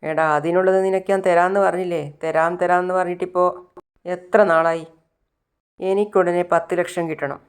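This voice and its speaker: A man's voice: high-pitched, little pitch movement, normal speed, clear, resonant tone. A woman voicing a desperate man demanding money from his accomplice.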